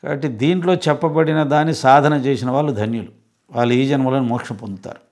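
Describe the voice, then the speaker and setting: A man's voice: medium pitch, fairly even intonation, fast talker, a little mellow. A man giving a devotional scripture discourse as a satsang speaker, earnest and explanatory, often asking rhetorical questions.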